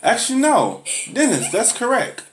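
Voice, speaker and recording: A woman's voice: on the high side, big pitch swings, moderate pace, background noise. A woman playing a patient but firm schoolteacher who drills grammar and scolds a pupil for laughing at classmates. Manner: patient, corrective, lecturing on humility. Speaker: teacher. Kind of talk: comedy skit acting.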